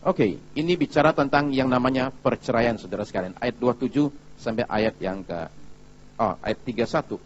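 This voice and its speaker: A male pastor giving a sermon in a lively, chatty storytelling manner, often turning to the congregation with asides. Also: mid-range voice, moderate pace, dull audio, slight background noise.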